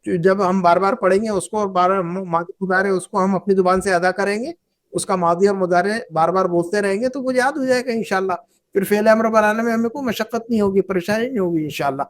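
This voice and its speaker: A woman whose first language is Urdu, teaching an Arabic grammar lesson, patiently repeating verb forms and asking the class questions. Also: medium pitch. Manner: asks the class questions and invites answers.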